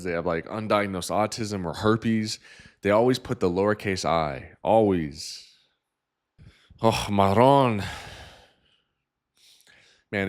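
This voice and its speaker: A man hosting a dating-profile review, talking in a sarcastic, preachy, ranting way. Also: on the low side. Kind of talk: reaction commentary.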